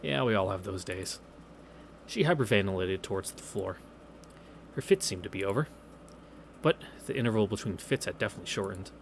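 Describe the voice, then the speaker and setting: A let's play host reads a visual novel aloud in a casual way, dropping sarcastic, sweary asides while game music plays. His fairly low, creaky voice is quick and lively, and he pauses often. There's a little hiss or hum.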